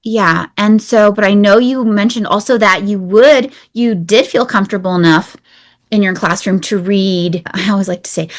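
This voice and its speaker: A woman hosting a podcast with a medium-pitched voice, speaking in a relaxed, conversational way. She asks her questions in an encouraging manner and affirms her guest often. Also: moderate pace. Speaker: podcast host. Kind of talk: casual interview talk.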